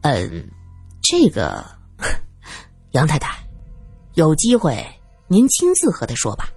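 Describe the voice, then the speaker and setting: A woman's voice: sits low, wildly swooping pitch, slow pace, a little mellow, slightly rough, dry recording, faint music behind, voice pushed down, full character voice. A woman voicing a brusque male detective chief who speaks drily and with sarcasm. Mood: awkward.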